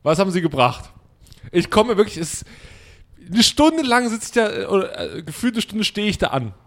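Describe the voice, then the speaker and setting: A young German man telling a long, animated everyday story in casual chat, acting out his own inner voice and mocking himself. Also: high voice, normal speed.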